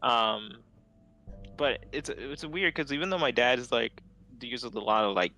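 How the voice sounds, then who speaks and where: A man's voice: medium pitch, measured pace, bright, forceful tone, faint music behind, low-quality recording. A man chatting casually, rambling and laughing often. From Philippines. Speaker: streamer chatting while drawing. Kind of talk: casual chat.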